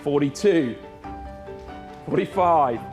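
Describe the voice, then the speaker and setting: A man working as a fine art auctioneer, calling bids in a rapid, repetitive, rhythmic patter. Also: on the high side, lively intonation. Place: auction room. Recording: background music under the voice.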